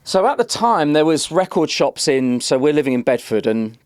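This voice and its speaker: A man in his forties from Northeast England, a guest telling long, animated stories in casual chat. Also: a little high, moderate pace, smooth, no room sound, studio quality. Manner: animated, rambling anecdotes with many restarts. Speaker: guest, drum and bass producer. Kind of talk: casual storytelling. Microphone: podcast studio mic.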